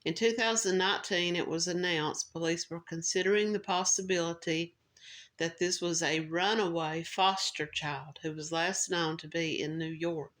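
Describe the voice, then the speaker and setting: A woman's voice: on the low side, steady tone, normal speed, a bit bright. A woman hosting a true crime podcast, telling the story in a casual, conversational way with restarts and filler words.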